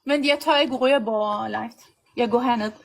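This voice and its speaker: A woman with a high, light voice chats on a livestream. She rambles in halting, loosely built sentences, circling back and repeating herself as she goes. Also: low-quality recording. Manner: rambling, halting, with broken grammar. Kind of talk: casual livestream chat.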